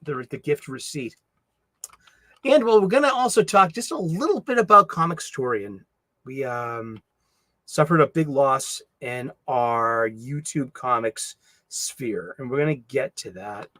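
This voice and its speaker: A middle-aged man with a Boston accent hosts a casual livestream, animated but a little slow, in a mid-range voice with a sharp tone. He rambles and mumbles with frequent restarts and fillers, and there is no room sound.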